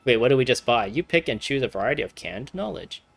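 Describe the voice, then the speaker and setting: A woman giving casual, chatty commentary over a game playthrough, full of fillers and loud reactions. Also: extremely low pitch, lively intonation, fast, creaky, over loud music. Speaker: gameplay commentator.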